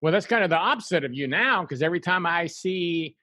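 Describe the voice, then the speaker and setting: Rambling, animated male podcast host. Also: high voice, a little fast, no echo. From South Carolina, US. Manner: animated and rambling, lots of "you know" asides. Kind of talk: casual interview chat.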